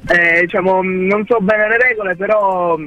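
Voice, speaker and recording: A man's voice comes over a phone line into a radio studio. He sounds distant and dry, high-pitched and bright. He gives short, good-humoured answers as a caller in a quiz game. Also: steady tone, normal speed, dry recording, soft background music. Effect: heard over a phone line. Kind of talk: casual chat as a game contestant.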